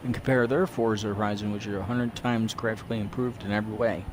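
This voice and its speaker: A man's voice: fairly low pitch, fairly even intonation, quick pace, noisy background. A man in his fifties chatting casually to his live stream audience while playing a racing game. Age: 50s. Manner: chatty, rambling, talks to live chat. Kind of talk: casual gameplay commentary.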